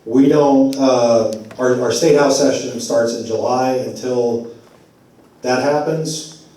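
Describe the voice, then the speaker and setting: Male speaker at a public meeting, mellow tone, casual and digressive, voice wearing thin, heard from afar in a very echoey room. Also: mid-range voice, fairly even intonation, takes it slowly. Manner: conversational, loose and digressive. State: losing his voice. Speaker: advocacy group speaker at a community forum. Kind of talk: public address at a community meeting. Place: church meeting hall. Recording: very echoey hall, voice far from mic.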